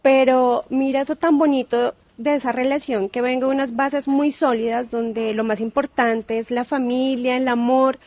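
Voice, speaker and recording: High-pitched woman guest, emotional and earnest, lots of fillers and repeats. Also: fairly even intonation, moderate pace, hardly any pauses, a little mellow, no echo. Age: adult with grown daughter. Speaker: interview guest. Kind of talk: personal testimony in an interview.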